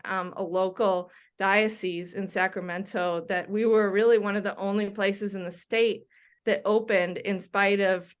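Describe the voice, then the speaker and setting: Her voice is smooth and medium-pitched. As a guest in a conversational interview, the middle-aged Danish doctor and researcher describes her background chattily, often saying um and starting over.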